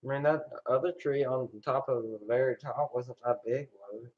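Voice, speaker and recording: A man's voice: medium pitch, steady tone, fairly quick. A man chatting casually in a rambling, hesitant way, as if thinking aloud. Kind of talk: casual chat. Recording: dull lo-fi sound.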